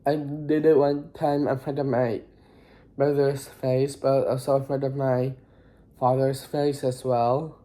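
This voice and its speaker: A high school student in their teens recording a casual recap vlog on a phone, talking in a halting, rambling, apologetic way. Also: flat delivery, warm tone.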